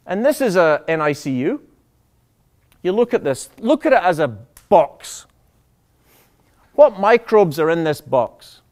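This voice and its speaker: A man, a doctor, giving a public lecture, animated and full of rhetorical questions to the audience. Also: high voice, unhurried, long pauses.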